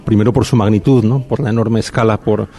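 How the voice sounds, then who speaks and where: A middle-aged film director answers questions at a festival press interview in a low, mellow voice. He sounds flat, reflective, thoughtful, and hesitant, with many pauses, restarts, and little tag questions.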